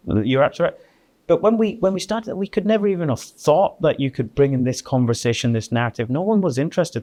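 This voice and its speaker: A man speaks as a guest lecturer in a hall. His delivery is animated and emphatic, and he often turns to the audience with rhetorical questions. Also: mid-range voice. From Scotland.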